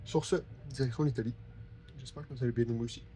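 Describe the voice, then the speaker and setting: A man's voice: mid-range voice, fairly even intonation, fast talker, mellow, a little hiss or hum. A young man with a Québécois French accent chatting casually in a travel vlog, rambling and full of slang fillers. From Quebec, Canada. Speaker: travel vlogger.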